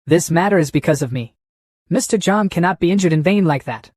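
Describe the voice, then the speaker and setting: A man's voice: on the high side, animated, fairly quick, darkish tone, no room sound, studio quality, pitched above the performer's own voice. A man voicing a cold, fearless young male martial master, speaking curtly. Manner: cold, curt.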